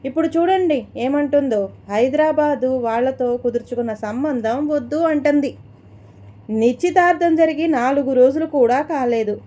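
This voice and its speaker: A woman's voice: sits high, close to an everyday voice. A woman voicing a furious scolding mother. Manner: scolding, shouting. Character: angry middle-aged mother, proud and scolding.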